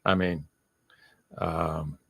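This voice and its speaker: Deep-voiced joking podcast host man. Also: fairly even intonation, very slow, fairly bright tone, no room sound, clean studio sound. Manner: chatty, joking, praising. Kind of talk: casual podcast interview.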